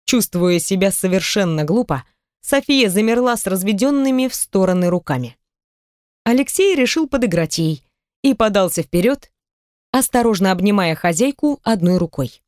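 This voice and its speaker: Expressive woman reading a novel. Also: medium pitch, normal speed, no echo, studio quality. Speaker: audiobook reader. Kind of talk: scripted narration.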